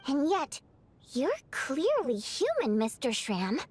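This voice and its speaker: A woman's voice: high-pitched, wildly swooping pitch, slow pace, heavily acted. A woman voicing a polite, earnest young female water imp in a video game. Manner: polite, earnest, lightly teasing.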